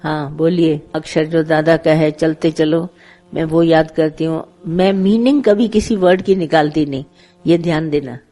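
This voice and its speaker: Woman, spiritual teacher, warm mellow tone, chatty instructive sermon delivery with parables. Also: low voice, normal speed, soft background music. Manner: conversational, gently instructive, tells parables with acted dialogue. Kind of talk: satsang sermon.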